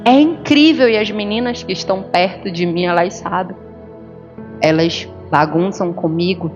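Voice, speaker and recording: A woman's voice: on the low side, moderate pace, muffled recording, soft background music. A woman pastor preaching a sermon, telling her story with emotion and acting out the dialogue. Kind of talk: sermon testimony. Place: church service.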